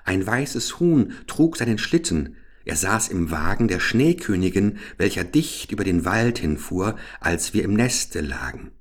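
A man's voice: deep voice, sing-song, unhurried, full character voice. Cooing caged pigeons, sing-song, by a man, storybook. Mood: mournful.

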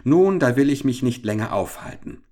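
A man voicing a bold, cheeky young adventurer who speaks coolly and briskly. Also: medium pitch, expressive, a little mellow, pitched above the performer's own voice, lightly acted.

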